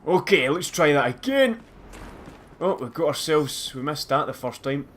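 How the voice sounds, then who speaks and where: This let's play host is a Scotsman whose voice leans high, speaking at a moderate pace. He chats casually over the game, pokes fun at himself, and now and then erupts in loud laughter.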